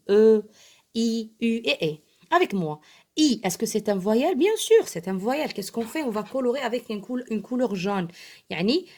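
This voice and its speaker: Woman teacher; slow, emphatic, bilingual explainer for young pupils. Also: medium pitch, darkish tone. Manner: slow, emphatic letter-by-letter explaining, switching to Arabic. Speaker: primary school French teacher. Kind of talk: bilingual lesson explaining an exam.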